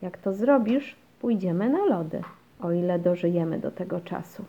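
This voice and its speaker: A woman reading a children's storybook, voicing a tired but patient mother who stays gently firm. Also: lowish voice, animated, normal speed. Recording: dull lo-fi recording.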